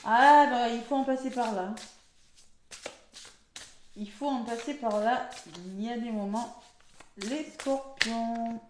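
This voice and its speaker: A woman's voice: fairly high pitch, unhurried, long pauses, a little mellow, reverberant, slight background noise. A woman with a French accent giving a chatty weekly tarot reading, full of fillers and tag words. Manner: chatty, filler-heavy, frequent "hein". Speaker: tarot reader.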